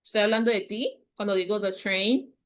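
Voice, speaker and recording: A woman teacher explaining grammar to a class, patiently repeating key points and slowing down to stress them. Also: mid-range voice, steady tone, a bit bright. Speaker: English teacher.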